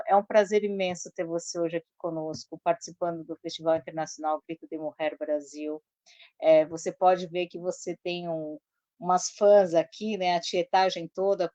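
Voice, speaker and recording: A woman's voice: on the low side, dark tone, no room sound. Chatty woman hosting a live show. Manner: chatty storytelling, many asides and tag questions. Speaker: host. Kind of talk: live talk show introduction.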